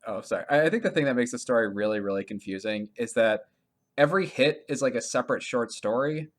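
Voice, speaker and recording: A medium-pitched man talks fast as he co-hosts a podcast about video games. The conversation is casual and rambling, and he laughs a lot as he speaks.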